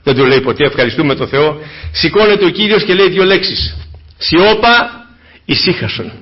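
Man preaching a fiery sermon, kinda high voice, goes loud then drops to a hush, dull muffled recording. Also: animated. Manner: fervent, swings between loud exclamations and hushed asides.

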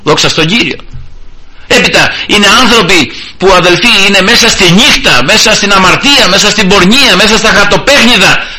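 Emphatic, bright-voiced male preacher. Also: sits high, poor audio. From Greece. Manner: emphatic preaching, rising to shouts. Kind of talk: sermon.

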